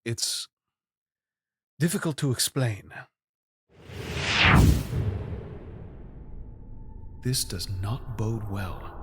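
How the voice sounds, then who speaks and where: In an audio drama, an actor plays King Arthur as a troubled, regal, earnest ruler, using formal, measured courtly phrasing. His medium-pitched voice is expressive, with slight background noise.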